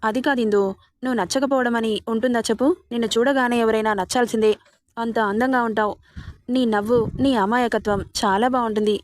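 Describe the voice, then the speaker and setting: A woman voicing a warm-hearted middle-aged mother-in-law who coaxes and reassures the young bride in a storybook reading. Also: fairly high pitch, steady tone, a little fast, no room sound, natural voice. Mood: reassuring. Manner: coaxing and reassuring.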